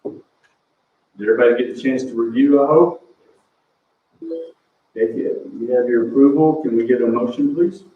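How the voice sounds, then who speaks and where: Out of breath guy running a town board meeting, far off the mic, roomy thin sound. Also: medium pitch. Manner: relaxed, halting with fillers. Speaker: board chairman. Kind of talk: chairing a public meeting. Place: council meeting room. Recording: distant, roomy, tinny phone-like audio.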